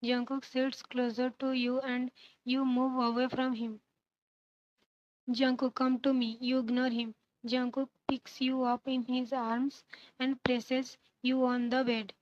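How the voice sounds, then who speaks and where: A woman narrates a fan-fiction romance in a high voice. Her reading is flat and monotone, with little rise and fall and odd pauses between phrases. The sound is dull and lo-fi. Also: dry recording.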